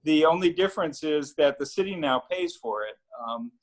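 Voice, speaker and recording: A middle-aged man, an attorney, telling a story on a video call panel in a relaxed way with many fillers and restarts. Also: fairly high pitch, normal speed, poor audio. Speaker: attorney and newspaper founder.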